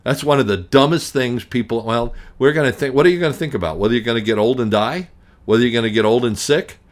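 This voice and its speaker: Quick and medium-pitched, a middle-aged man rants on his radio talk show, where he appears as an estate planning attorney. He hammers points by repeating them, restarts frequently, and comes across blunt and grumpy.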